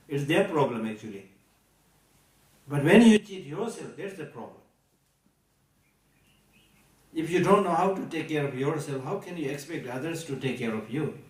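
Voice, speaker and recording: Tibetan accent guy giving a buddhist talk, emphatic and deliberate, repeats himself, echoey room, bit far from the mic. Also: on the high side, darkish tone. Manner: deliberate, emphatic, repeats key phrases, poses rhetorical questions. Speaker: Buddhist teacher. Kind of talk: Buddhist teaching to a live audience. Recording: echoey room, recorded from a distance.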